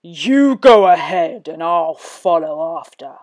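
Woman doing the Gruffalo, a slow, menacing monster. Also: lowish voice, lively intonation, a little mellow, no echo, voice pushed down. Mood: amused. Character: big scary male Gruffalo monster, gullible, menacing, booming laugh. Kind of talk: children's storybook character voice.

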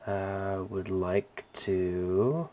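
A man hosting a let's-play, calmly talking through his moves with many ums and restarts. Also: low-pitched, drawn-out words. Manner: relaxed, rambling, many fillers and restarts. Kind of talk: casual gameplay commentary.

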